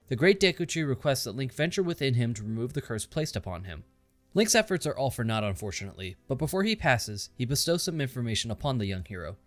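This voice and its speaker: A man narrating a scripted game story recap with sarcastic, crude asides. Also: mid-range voice. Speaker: game reviewer.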